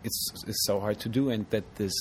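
In a noisy outdoor recording from an art fair, a German man discusses his art during a casual interview. His voice is lowish, steady and a little mellow, running slightly fast, and he sounds thoughtful and hesitant, saying um a lot.

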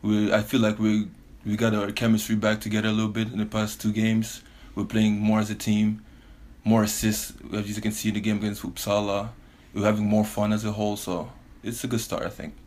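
A relaxed man with a fairly low voice, guesting on a casual podcast. He grew up in Belgium and Canada and talks easily, breaking into laughter often. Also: brisk. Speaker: professional basketball player, guest. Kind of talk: casual interview.

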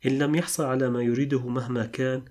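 A man voicing an old male gorilla who calmly explains the forest's ways in a storybook. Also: mid-range voice, fast talker, close to an everyday voice. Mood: calm explaining. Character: old male gorilla, calm and worldly guide.

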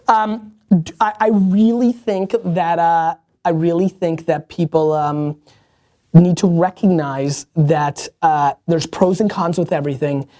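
This host, a man with a mellow voice on the high side, answers viewer questions in an energetic motivational Q&A. His delivery is blunt and emphatic, with restarts and some mild swearing.

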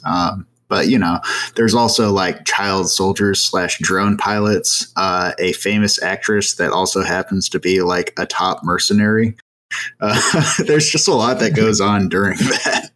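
A man's voice: low voice, a little slow, a bit bright, low-quality recording. A man talking casually as a podcast panelist in a book discussion, in a hesitant way. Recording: slight background noise.

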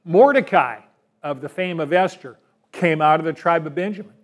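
This sermon comes from a high-pitched male pastor speaking at normal speed. He preaches emphatically, often throwing rhetorical questions to the congregation.

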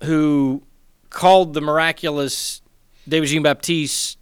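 A man's voice: fairly high pitch, steady tone, a little slow, clear, resonant tone, no echo, clean studio sound. A man co-hosting a sports podcast, talking in a chatty, rambling, joking way. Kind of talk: casual sports chat.

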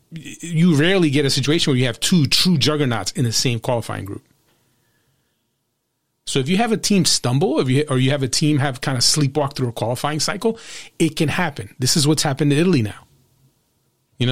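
A man hosting a soccer podcast, giving opinionated commentary in an emphatic, sarcastic way. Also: fairly high pitch. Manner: emphatic and sarcastic, with frequent restarts. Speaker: podcast host.

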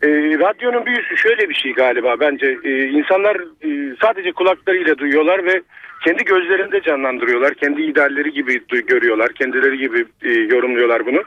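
A man calling in over a landline phone to a live radio show, speaking in a quick, thoughtful way with filler pauses. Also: fairly high pitch, no room sound, phone-quality sound. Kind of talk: casual live phone-in chat.

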